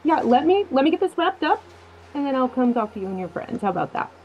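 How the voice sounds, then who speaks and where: A woman's voice: high voice, very animated, fast talker, muffled recording, a little hiss or hum. A woman voicing a friendly female professor who volunteers at a shelter. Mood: kind.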